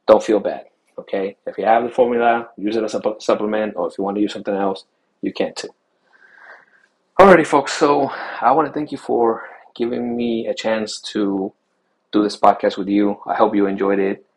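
A man's voice: lowish voice, poor audio. A young man from Chile hosting his own podcast as a new father, talking casually with many fillers and restarts. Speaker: podcast host. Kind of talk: casual solo podcast talk.

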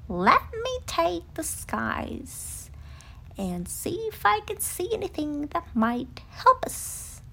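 A woman voicing a wise old male storybook owl who takes charge with drawn-out, emphatic delivery. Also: extremely high pitch, wildly swooping pitch, gravelly, a bit bright, slight background noise, pitched above the performer's own voice, full character voice. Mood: calm, authoritative.

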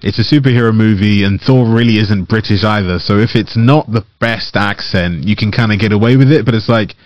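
A man's voice: lowish voice, a little fast, no room sound, highs cut off. A man co-hosting a podcast, chatting casually and rambling with lots of filler words. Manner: rambling, heavy use of "like" fillers. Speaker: podcast co-host. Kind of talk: casual chat about games.

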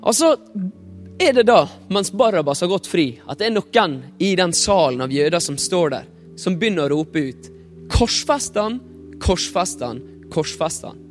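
A man's voice: high voice, animated. A man preaching a sermon, retelling a story vividly and acting out the quotes. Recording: long reverb, faint music.

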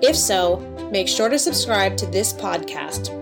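A woman's voice: mid-range voice, lively intonation, unhurried, over music. A woman reads a scripted podcast outro and informational disclaimer in a formal announcer manner. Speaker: podcast co-host.

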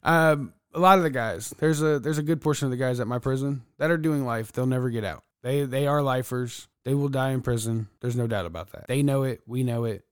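A man's voice: medium pitch, a little fast, hardly any pauses, clean tone, dry recording, clean studio sound. A man working as a corrections officer, a podcast guest telling blunt, profane stories in casual chat.

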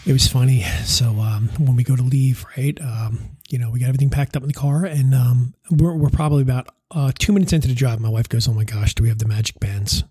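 A man's voice: medium pitch, quick pace, few pauses, dark tone, slightly rough. A man, a parent, telling a family story in a casual, rambling way, full of "you know" and "right?" asides and chuckling at his own mishaps before turning reflective.

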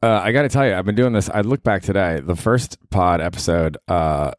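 A man's voice: sits low, fairly quick, dry recording, clean studio sound. An American man hosting a solo comedy podcast in casual chat, profane, rambling and self-mocking. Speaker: podcast host.

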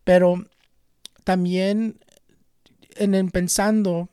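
A man in his twenties, a tarot reader and spiritual healer, telling a personal story in an earnest, unhurried way with frequent restarts. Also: sits high, flat delivery, dark tone, clear, resonant tone, no echo, clean studio sound. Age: 20s. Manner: earnest, unhurried, often restarts and repeats words. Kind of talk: casual personal storytelling to camera.

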